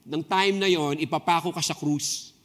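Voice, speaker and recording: Animated pastor in a reverberant hall. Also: male voice, fairly high pitch, moderate pace. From Philippines. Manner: switches between Tagalog and English, animated, asks the crowd often. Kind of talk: sermon.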